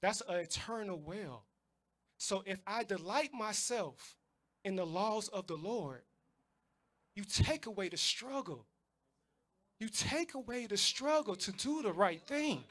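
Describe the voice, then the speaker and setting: A man's voice: sits high, expressive, unhurried, long pauses, a bit bright. A man preaching a sermon, emphatic, often repeating words as he drives a point home. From United States.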